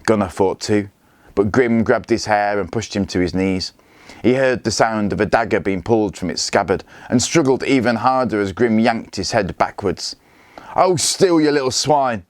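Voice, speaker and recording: A man, a teacher, reading a story aloud to his class in a steady, clear storytelling way. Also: fairly low pitch, moderate pace, no room sound.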